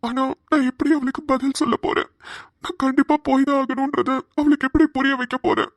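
A woman's voice: high voice, flat delivery, a little fast, dry recording, lightly acted. A woman voicing a troubled young husband who hesitates and apologizes, close and dry. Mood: worried.

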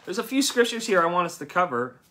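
A man in his thirties preaches to a church congregation with a bright, forceful voice. He speaks conversationally and animatedly, slipping into lively voices when he quotes people. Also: high-pitched, fast talker, a little hiss or hum. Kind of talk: sermon. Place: church service.

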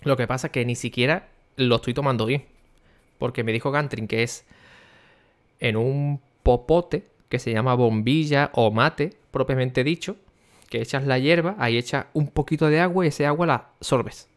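A young man, chatting casually on a stream and talking to his viewers by name, often keeping his voice low for the neighbours. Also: moderate pace. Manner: speaking quietly for the neighbours.

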